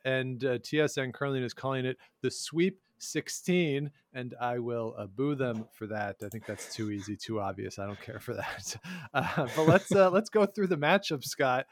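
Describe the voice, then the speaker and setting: A man's voice: medium pitch, moderate pace, no echo. A man co-hosting a casual sports podcast, talking with wry sarcasm and chuckling asides. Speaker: podcast co-host.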